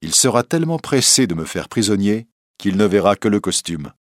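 A man's voice: lowish voice, sing-song, a little fast, no echo, studio quality. A man voicing a bold, generous outlaw who speaks with confident, mocking politeness. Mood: assured, mocking. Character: bold, generous male outlaw, young adult.

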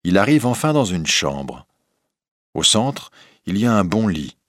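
A man reading a fairy tale aloud as narrator, slow, deliberate and expressive. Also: low voice, no room sound, clean studio sound. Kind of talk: scripted storybook narration.

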